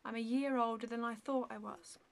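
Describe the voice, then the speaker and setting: A woman in her thirties talks straight to the camera in a relaxed Q&A vlog, her voice sitting a little high. She rambles through viewer questions with plenty of ums and likes. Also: fairly quick, gravelly. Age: 30s. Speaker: beauty vlogger. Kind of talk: casual Q&A vlog.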